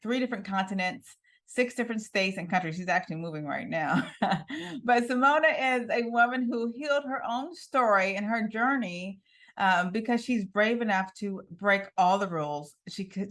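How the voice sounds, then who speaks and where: A woman's voice: mid-range voice, fairly bright tone. A woman hosting an interview show, introducing her guest with enthusiasm and laughing often. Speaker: TV show host.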